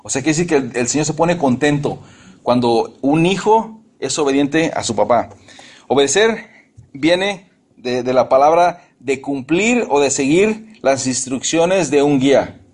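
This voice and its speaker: Husky middle-aged man preaching emphatically. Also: medium pitch, animated, measured pace, darkish tone. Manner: emphatic, repeats and restarts phrases. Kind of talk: sermon.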